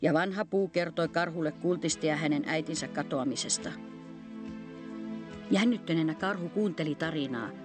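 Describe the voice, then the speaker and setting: A woman narrating a cartoon story in an expressive storybook manner. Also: low voice. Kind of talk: scripted narration. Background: faint music.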